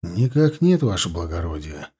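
A man's voice: low voice, sing-song, moderate pace, warm tone, breathy edge, voice pushed down, heavily acted. A man voicing a proud, stubborn young dragoon who answers curtly and defiantly. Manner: curt, defiant.

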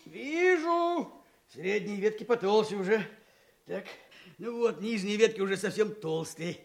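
A man's voice: high voice, lively intonation, a little slow, creaky, exaggerated voice. A chuckling kind old grandfather. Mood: cheerful. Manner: cheery and reassuring, chuckling often. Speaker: grandfather in an audio play. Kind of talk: studio radio play acting.

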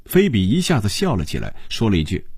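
Low, husky male storyteller. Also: a little mellow, no room sound, studio quality. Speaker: narrator. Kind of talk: scripted storytelling narration.

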